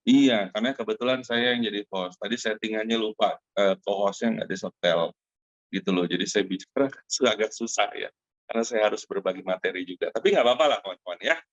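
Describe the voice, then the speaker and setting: A middle-aged man hosting a Zoom meeting gives a casual product testimonial to an online group over a muffled, lo-fi call, in a dry, close room with no room sound. His voice is on the high side, and he tells his personal story in an animated way, often pausing for fillers and asides to listeners he calls friends.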